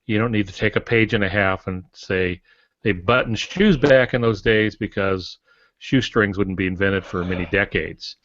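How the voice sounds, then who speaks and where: A man on the low side with a fairly bright tone co-hosts a podcast, where he teaches writing casually and offers advice in short maxims at a moderate pace. There's no echo, and the lo-fi podcast audio sounds dry and dull.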